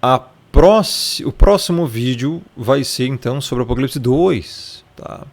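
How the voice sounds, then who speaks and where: A Brazilian-accented man talks through a Bible passage in a relaxed, conversational lesson. His voice sits at an ordinary middle pitch. He keeps checking in with the listener and pointing at words in the text as he explains them. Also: unhurried. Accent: Brazilian Portuguese. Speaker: Bible teacher. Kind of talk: casual Bible study lesson.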